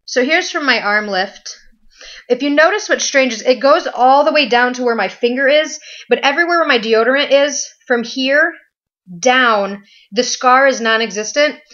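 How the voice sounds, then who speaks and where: A woman's voice: on the high side, moderate pace, fairly bright tone, lo-fi sound. A pregnant young woman chatting to camera in a casual home vlog, upbeat, with plenty of fillers. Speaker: vlogger.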